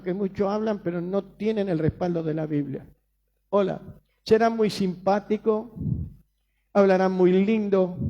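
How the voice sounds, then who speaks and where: Male pastor, Rioplatense accent, high mellow voice, emphatic sermon delivery with rhetorical questions. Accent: Rioplatense Spanish. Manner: emphatic preaching, repeats phrases, rhetorical questions.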